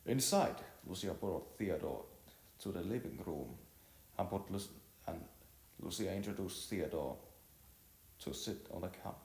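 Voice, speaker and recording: A low, slightly mellow male voice narrates an audiovisual novel as an amateur reader, animated but unhurried, now and then stumbling over a phrase and reading it again. The recording has a roomy echo with faint music in the background.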